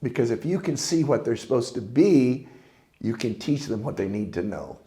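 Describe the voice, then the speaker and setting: A man's voice: medium pitch, sing-song, moderate pace, dark tone. An older man, a pastor, preaching a conversational sermon in a folksy, earnest way with frequent chuckles.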